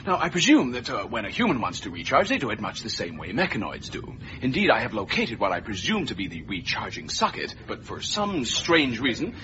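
A man's voice: mid-range voice, wildly swooping pitch, brisk, hardly any pauses. An actor playing a prim android man newly turned human, talking in a fussy, formal way as a robot faking human ways. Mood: puzzled. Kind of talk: sitcom acting. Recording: dull TV sound with audience laughter and noise.

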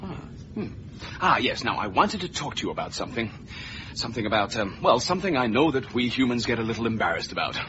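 A man's voice: mid-range voice, big pitch swings, fast, natural voice. A man playing a fussy android faking being human. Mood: indignant. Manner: fussy, formal robot faking human ways. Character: prim android man newly turned human. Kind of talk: sitcom acting. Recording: dull TV sound with audience laughter and noise.

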